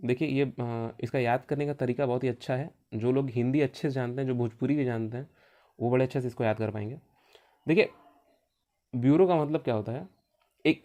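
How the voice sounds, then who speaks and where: A male teacher walks students through an exam-prep vocabulary lesson at a steady, mid-range pitch. He keeps asking questions and answering them himself. He drills each point through repetition.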